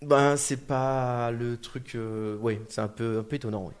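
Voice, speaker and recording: A man's voice: mid-range voice, steady tone, a little slow, clear, resonant tone. A man hosting a casual podcast chat in a radio studio, joking, laughing often and trailing off with fillers. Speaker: podcast host.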